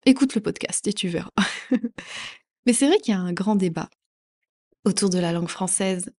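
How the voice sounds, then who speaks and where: A French woman who teaches the language hosts a casual educational podcast, speaking at a moderate pace in a medium-pitched, dark-toned voice. Her talk is loose, full of fillers, and often broken by laughter.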